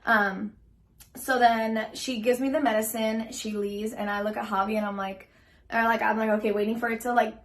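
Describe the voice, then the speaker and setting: A woman's voice: fairly high pitch, level tone, moderate pace. A young woman casually telling a personal story in a chatty, rambling way, full of fillers, acting out what she said. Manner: chatty and rambling, full of ums and likes, acts out her own lines. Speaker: vlogger telling her birth story.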